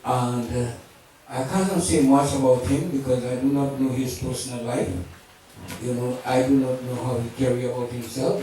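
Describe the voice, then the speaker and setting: A man giving a funeral sermon in a halting way, with many "you know"s. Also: medium pitch, dark tone, slight background noise. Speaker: funeral officiant. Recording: roomy echo, far from the mic.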